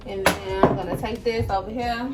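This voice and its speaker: A woman's voice: mid-range voice, fairly even intonation, normal speed, heavy background noise. Chatty woman cooking at home. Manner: chatty, repeats "right?" and "y'all". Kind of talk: casual cook-along chat. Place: home kitchen. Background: background music.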